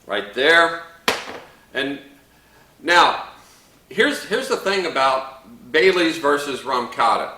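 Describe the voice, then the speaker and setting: A man hosts a casual drink-making tutorial, folksy and chatty, with bits of playful pirate slang. His voice is crisp and bright, sitting a little high for a man. The room gives it a noticeable echo. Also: big pitch swings, slow pace, pauses often, distant mic, slight background noise. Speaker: host of a home bar drink show.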